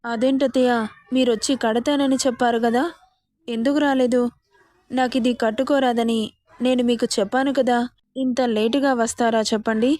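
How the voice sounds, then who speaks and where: A woman's voice: on the high side, steady tone, normal speed, a little mellow, no room sound, clean studio sound, lightly acted. A woman voicing an innocent, naive young bride-to-be who keeps asking pleading questions, read in her own voice for a storybook reading.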